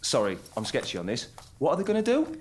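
A man's voice: medium pitch, wildly swooping pitch, quick pace, a little hiss or hum. A man playing a dry, teasing boyfriend on a camping trip in a comedy audio drama. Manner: dry, teasing, swears casually.

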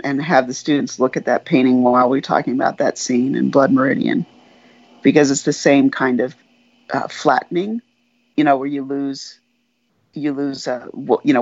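A man's voice: mid-range voice, flat delivery, normal speed, dry recording, muffled recording. A man who teaches, chatting in a casual book discussion, conversational and prone to trailing off and restarting.

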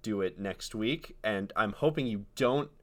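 A man's voice: fairly low pitch, a little slow, fairly bright tone. A man co-hosting a podcast in casual comedic chat, playful and teasing in the way he talks. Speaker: podcast co-host.

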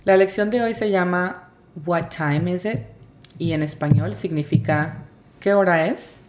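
A woman's voice: on the low side, measured pace, over music. A woman hosting a scripted language lesson as the teacher, speaking patiently and spelling words out letter by letter. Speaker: English teacher and podcast host.

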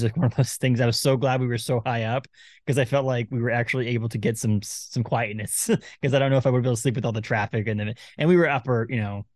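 A man's voice: medium pitch, no echo. A man in his thirties from Maine, hosting a podcast in casual chat, rambling and laughing often. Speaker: podcast host.

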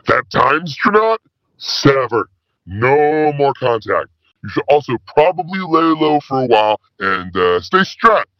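A man playing a rambling, slang-talking male spy who calls in with his voice pitched down. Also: very animated, measured pace, no echo. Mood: laid-back. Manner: stoner slang, rambling, laid-back. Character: slacker male spy caller with disguised voice. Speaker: caller. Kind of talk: comedy call-in sketch. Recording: dull lo-fi phone call.

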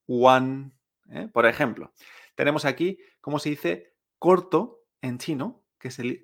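A man from teaching Chinese pronunciation. He is patient, repeats sounds slowly and keeps checking in with "¿eh?". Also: a little high, vocal fry, fairly bright tone. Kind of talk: pronunciation lesson.

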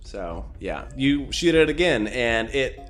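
A man running a tabletop game as game master, narrating in a casual, halting way full of ums and gross-out detail. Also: medium pitch, sing-song, fairly bright tone, faint music behind.

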